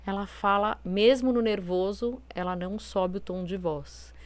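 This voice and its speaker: A woman's voice: medium pitch, a little slow. A woman hosting a self-help video, talking casually with many fillers and a naturally firm tone. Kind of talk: casual advice monologue.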